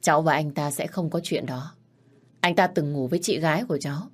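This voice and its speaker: A woman's voice: sits low, fairly quick. A woman voicing a frightened young bride who speaks earnestly and pleads. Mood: defiant.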